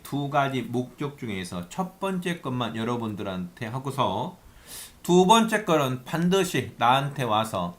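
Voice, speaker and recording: A male math teacher lecturing at a board with a very lively, swooping delivery. He asks questions and answers them himself, and now and then speaks in his students' voices. His pitch sits in a middle range.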